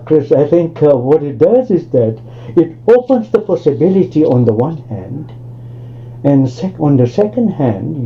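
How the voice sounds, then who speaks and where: An older Tanzanian man lectures academically over a video call, rambling discursively with plenty of asides and restarts. His voice is medium in pitch. The online call audio is lo-fi, with slight background noise.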